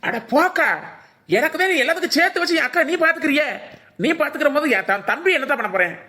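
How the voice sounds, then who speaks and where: A voice artist playing a cheeky, idle, drunken younger brother in a village cartoon, with a Ramanathapuram Tamil accent. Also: male voice, extremely high pitch, fast, bright, forceful tone. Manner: cheeky, playful, mock-grand.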